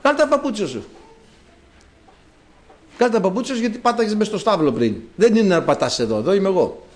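A man voicing God speaking from a burning bush, commanding, slow and solemn. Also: sits high, animated.

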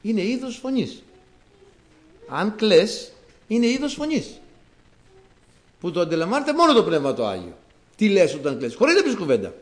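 A man from Greece preaching a sermon to his congregation, talking in an animated way and rising to emphatic outbursts. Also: high voice, pauses often.

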